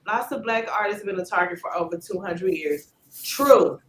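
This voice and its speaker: A woman in her forties hosting a casual gossip commentary, talking in an animated, emphatic way. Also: normal speed, slight background noise. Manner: animated and emphatic, drops low when doubtful. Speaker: channel host. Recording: roomy echo.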